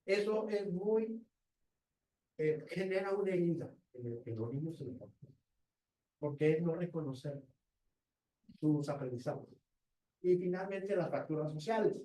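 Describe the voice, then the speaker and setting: A man with a Mexican accent giving an academic conference talk, wry and lively, full of rhetorical questions. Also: a little high, unhurried, long pauses. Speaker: guest lecturer. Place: lecture room. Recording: roomy, distant mic in a hall.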